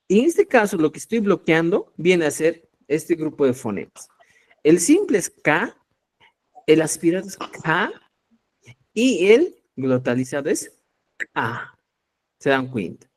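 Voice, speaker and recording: A man from Cusco with a Peruvian Spanish accent, teaching a live online language class. He explains step by step, demonstrates sounds slowly and keeps checking in with his listeners. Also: a little high. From Cusco, Peru. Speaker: Quechua teacher.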